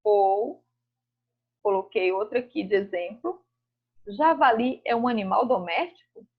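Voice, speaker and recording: A woman's voice: mid-range voice, slightly rough. A woman teacher, going over school exercises in a recorded lesson, reading each task aloud and explaining it patiently. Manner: reads tasks aloud, then explains slowly and patiently. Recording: muffled home recording.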